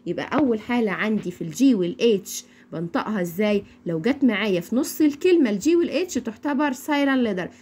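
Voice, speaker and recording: A young woman with an Egyptian accent teaching English phonics, repeating each word slowly for learners to echo. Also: fairly high pitch, lively intonation, darkish tone, husky. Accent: Egyptian Arabic. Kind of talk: phonics lesson.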